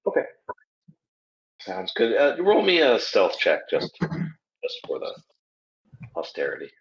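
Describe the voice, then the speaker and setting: A man's voice: on the low side, huge pitch swings, slow, slight background noise. A man narrating as game master, hesitant and full of ums and restarts. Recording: dull lo-fi audio.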